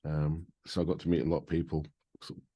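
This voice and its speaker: Very deep-voiced male interviewer. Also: little pitch movement, quick pace, warm tone, slightly rough. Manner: brief backchannels and short reminiscences. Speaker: interviewer and keyboard player. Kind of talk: casual interview chat.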